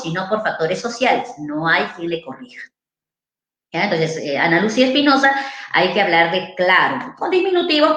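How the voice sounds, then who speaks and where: A woman's voice: mid-range voice, fairly bright tone. Woman psychologist in an echoey room. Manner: conversational, ends phrases with tag questions. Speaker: psychologist giving a seminar. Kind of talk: informal lecture answering viewer questions.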